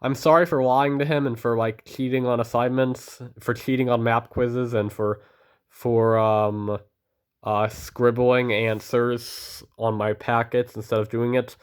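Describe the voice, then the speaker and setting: A man's voice: mid-range voice, level tone, a little slow, clean tone. A teenage boy vlogging alone in a casual monologue, earnest and rambling as he thanks people and apologizes. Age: teens. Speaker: student vlogger.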